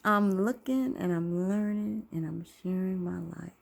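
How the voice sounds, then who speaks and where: Unhurried and creaky, with a fairly low pitch, a fifty-something woman rambles to camera on the channel she hosts. It's a casual, wandering, contemplative talk grounded in her faith.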